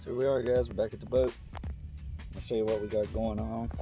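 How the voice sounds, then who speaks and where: Background music runs under the voice of a forties-aged male vlogger, who addresses his camera from a sailboat on the water during a casual boat vlog. He talks briskly in a lowish voice with little pitch movement.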